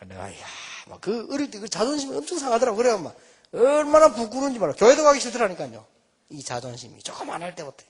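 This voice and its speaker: Man, fifties, preacher, high lively voice, husky, folksy storytelling. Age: 50s. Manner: folksy, animated storytelling with self-mocking humor. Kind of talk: storytelling sermon.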